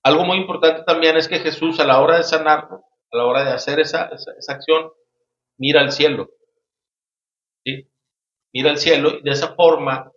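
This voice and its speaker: A man hosting a casual Bible study discussion, speaking haltingly with many restarts and frequent tag questions. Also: medium pitch, a bit bright. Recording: roomy, dull lo-fi sound.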